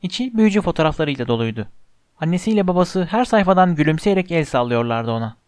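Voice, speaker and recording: A man narrating an audiobook in measured, scripted storytelling. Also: fairly high pitch, big pitch swings, a little mellow, dry recording, clean studio sound.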